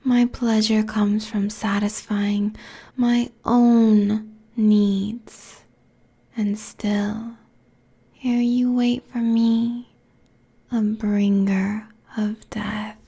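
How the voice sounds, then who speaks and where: In a heavily acted ASMR roleplay, a woman plays an ancient succubus queen, whispering darkly and breathily into a close binaural microphone. Seductive, haughty and cruel, she stretches every phrase out very slowly, keeping her menace low and even. Her delivery is deliberate and taunting.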